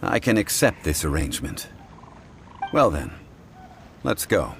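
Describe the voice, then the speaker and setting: An actor voicing a calm, learned male consultant in a game, speaking in a measured, formal way. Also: low voice, creaky, a little hiss or hum, exaggerated voice. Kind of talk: game voice acting. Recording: game audio with loud music.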